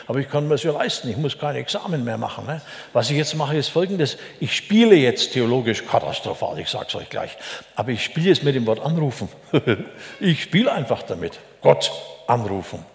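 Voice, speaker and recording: An older man preaches in a relaxed, folksy manner, keeping his listeners close with little asides and tag questions. His voice sits at a medium pitch. It carries through a roomy hall with a long, lingering reverb. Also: fairly quick, creaky. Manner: chatty, folksy, frequent "ne?" asides. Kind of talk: sermon.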